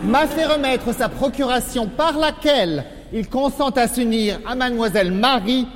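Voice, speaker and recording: An actor playing an officious, formal notary with a pompous manner. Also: male voice, very high-pitched, normal speed. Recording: echoey hall, faint noise.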